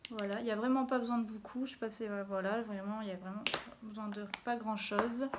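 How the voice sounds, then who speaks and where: A woman's voice: mid-range voice, fairly even intonation, quick pace, slight background noise. A woman talking casually through her makeup routine as a beauty vlogger, chatty and dropping little interjections as she works. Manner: chatty, fills gaps with little interjections while working. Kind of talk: casual makeup tutorial talk. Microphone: phone camera.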